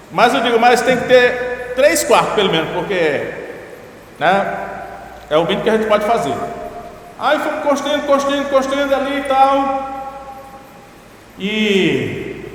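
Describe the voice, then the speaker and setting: A male pastor from Brazil, telling a personal testimony in a sermon, talking loosely with fillers and repeats. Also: very high-pitched. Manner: storytelling with many fillers and repeats. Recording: echoey hall with long reverb, faint noise.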